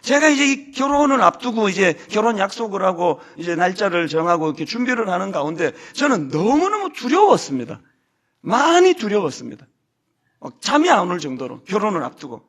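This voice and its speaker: A man's voice: high voice, very animated, fairly quick, a bit bright. A middle-aged man preaching a sermon in a church sanctuary, telling self-deprecating stories with humor and joking with the congregation. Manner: jokes with the congregation. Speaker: senior pastor.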